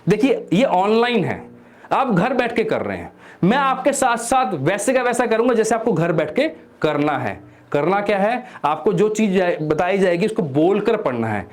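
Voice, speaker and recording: An energetic man from India coaching viewers through a study exercise. His voice sits high and swings widely in pitch, and he keeps tossing questions at the listener. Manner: reads English text slowly word by word. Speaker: motivational coach. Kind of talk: motivational lesson to camera.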